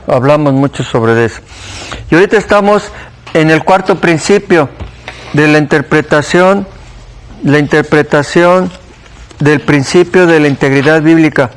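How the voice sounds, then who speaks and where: A man's voice: fairly high pitch, moderate pace, smooth. A man with a Mexican Spanish accent teaching a church Bible class, conversational, questioning the class and repeating key points.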